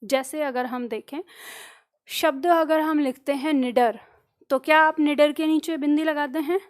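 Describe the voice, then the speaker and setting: Woman hindi teacher, pretty high voice, asks the class stuff then answers it, stretches out the letter sounds. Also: fairly even intonation. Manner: explains step by step, asks the class questions and answers them; slows down and drags out letter sounds to demonstrate pronunciation. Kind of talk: online exam-prep lesson.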